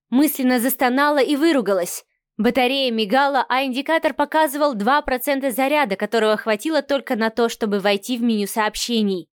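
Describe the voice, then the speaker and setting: A woman narrating an audiobook in a lively storytelling way. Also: high-pitched, dry recording, studio quality.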